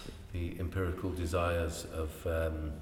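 Deep-voiced male interviewer, echoey room. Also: level tone, measured pace, far from the mic. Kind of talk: casual conversational interviewing.

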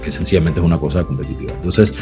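A man's voice: low voice, rapid-fire, over music. A man, a clinical psychologist, explaining ideas in a reflective podcast talk, using examples and acted quotes, often checking in with "you know?". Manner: frequent "¿sabes?" and "¿ves?" tags.

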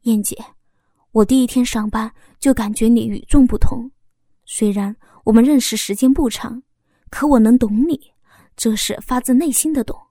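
An earnest young man pours out his feelings, stumbling over his words in urgent bursts, as a woman reader puts him on. The voice sits fairly high and breathy. It is recorded close and dry, with no room sound. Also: normal speed, dark tone, no echo. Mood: pleading. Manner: stammering and urgent. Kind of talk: audiobook character voice.

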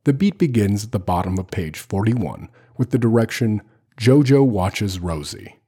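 A man hosting a screenplay read-through, reading stage directions in a measured, expressive way. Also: lowish voice, slightly rough.

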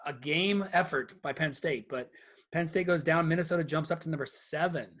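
A man's voice: a little high, brisk, fairly bright tone. A man hosting a casual sports podcast, rambling through game recaps with lots of fillers and restarts. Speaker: podcast host.

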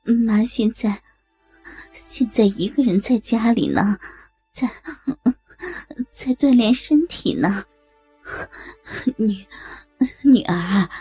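A woman's voice: sits high, warm tone, husky, full character voice. A woman voicing a shameless middle-aged mother in an adult audio story, stammering and moaning with a tearful quaver. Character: aging mother, shameless and wheedling.

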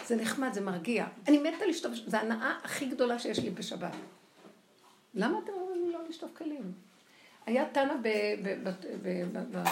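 An older woman giving a lively spoken religious lecture, acting out the voices she quotes. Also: a little high. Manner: animated, acts out quoted voices. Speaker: religious teacher. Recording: echoey room with faint noise.

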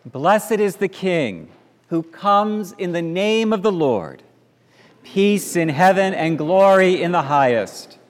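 Male priest, measured liturgy, smooth resonant voice, big cathedral echo. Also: high-pitched, expressive. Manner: slow, measured intoning. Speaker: priest leading the service. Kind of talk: liturgical prayer. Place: large church. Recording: long church hall reverb.

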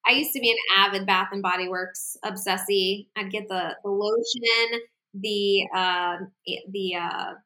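A woman talking on a podcast in a loose, chatty way, leaning on fillers as she goes. Her voice is bright and forward. The sound carries a roomy echo. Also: mid-range voice, a little slow. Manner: frequent "like" and "um" fillers, animated. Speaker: podcast co-host. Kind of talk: casual podcast chat.

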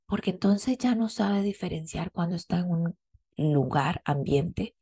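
A woman psychologist talks in a gentle, explanatory podcast monologue and slows down to stress her points. Her voice is low and husky, and the recording is dry and close. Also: no echo. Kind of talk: reflective monologue with storytelling.

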